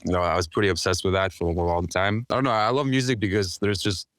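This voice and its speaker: A man in his twenties from Iceland, a music producer chatting in an interview, relaxed and rambling with lots of fillers. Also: low voice, fast talker, no echo, studio quality. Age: 20s. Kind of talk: casual interview chat.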